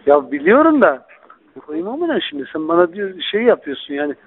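Higher-pitched man on a tinny phone line. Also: very animated, fairly quick. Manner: blunt, coarse, swearing familiarly. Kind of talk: informal phone conversation. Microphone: telephone.

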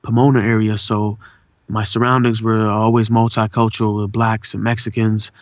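Here's a laid-back voice actor guest in a casual interview, a man born in India who grew up in Southern California and speaks with an urban SoCal accent. He talks earnestly, drops "man" often, and has a lowish, flat delivery at an ordinary pace, captured in a dry recording.

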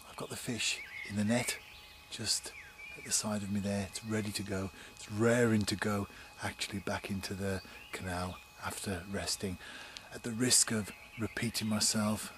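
Male angler vlogger, 40s, upbeat and hushed by turns, close camera mic outside, faint background noise. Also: fairly low pitch, fairly even intonation, moderate pace, hardly any pauses. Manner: upbeat, chatty, often hushed to a near whisper. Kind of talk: casual outdoor vlog commentary. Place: canal bank outdoors at night and dawn. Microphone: camera mic at close range.

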